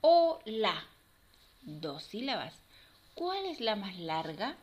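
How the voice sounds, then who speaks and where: Woman, teacher, children's lesson, sing-song, slow, lively pitch, fairly high voice. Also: dull audio. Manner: slow, sing-song, exaggerated syllables for kids.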